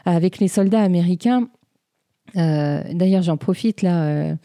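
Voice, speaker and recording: A woman's voice: fairly low pitch, unhurried, warm tone, no echo, clean studio sound. A woman reviewing a TV episode in casual commentary, hesitant, with many filler sounds and restarts. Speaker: show reviewer.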